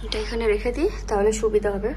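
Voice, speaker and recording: Speaking fast in a mid-range voice, a woman vlogs her day at home, describing each chore to her audience as she works through the kitchen and rooms. Background noise runs under the recording. She lowers her voice while her child sleeps and coaxes the child in a sing-song way.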